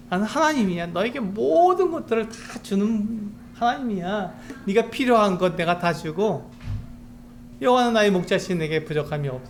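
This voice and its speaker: A man voicing God speaking gently and reassuringly to a suffering believer, in a fairly high voice. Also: slight background noise. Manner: reassuring, repeating himself.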